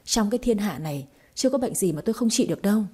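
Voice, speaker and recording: A woman's voice: medium pitch, lively intonation, very fast, dark tone, husky. A woman voicing a boastful, cheeky young female fortune-teller in a storybook reading, with brash, chattering speech. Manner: brash, chattering, self-mocking.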